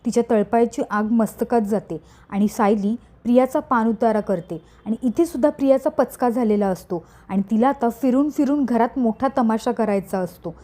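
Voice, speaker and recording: A woman narrating a recap of a television serial in a steady storytelling manner. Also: a little high, moderate pace, hardly any pauses. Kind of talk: scripted narration.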